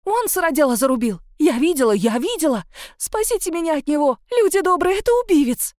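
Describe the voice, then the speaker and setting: A woman voicing a hysterical provincial woman who shrieks accusations in a shrill voice. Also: big pitch swings, fairly quick, darkish tone, no room sound, clean studio sound. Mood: hysterical shrieking.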